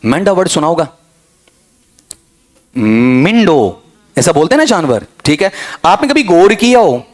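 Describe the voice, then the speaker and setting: Man, middle-aged, English teacher, revision lecture, slightly high pitch, very expressive intonation. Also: quick pace. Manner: animated, talks to students as beta, frequent "theek hai". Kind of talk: lively classroom revision lecture.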